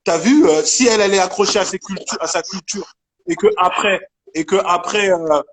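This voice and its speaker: A man's voice: sits high, a little fast, a little hiss or hum. A man from Congo in a casual live online debate, talking emphatically and insistently with many restarts. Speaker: debate participant.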